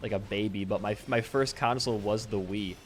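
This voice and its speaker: A nineteen-year-old man co-hosting a podcast, chatty and quick to laugh, often trailing off quietly at the ends of sentences. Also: on the low side, slight background noise. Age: teens. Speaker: podcast co-host. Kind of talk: casual podcast chat.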